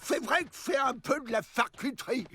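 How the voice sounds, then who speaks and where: A man's voice: extremely high pitch, lively intonation, very noisy. A man voicing a tall, dim-witted, cheerful outlaw in a cartoon. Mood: goofy. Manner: slow, goofy, naive.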